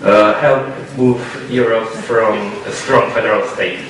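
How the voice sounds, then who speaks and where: A man with a Czech accent asking a question from the audience, halting and searching for words in English. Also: on the low side, steady tone, fairly bright tone. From Czech Republic. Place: debate hall. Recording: echoey hall, mic at a distance.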